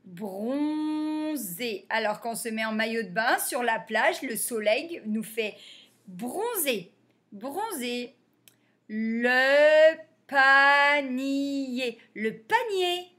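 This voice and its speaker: Slow, high-voiced woman teaching reading. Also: big pitch swings, a bit bright. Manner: slow, over-articulated sounding out of letters. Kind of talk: reading lesson for young children.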